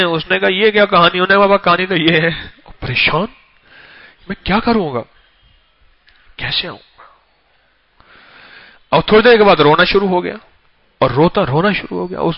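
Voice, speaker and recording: A man preaching an emotional storytelling sermon, repeating phrases for emphasis and swinging between loud and hushed delivery. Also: high-pitched. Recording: dull lo-fi recording.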